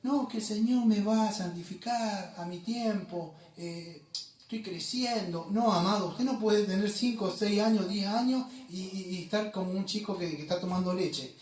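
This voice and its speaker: Heard from a distance in an echoing sanctuary, a pastor delivers an emphatic sermon packed with rhetorical questions. His voice is high-pitched with a darkish tone, and his pace is normal.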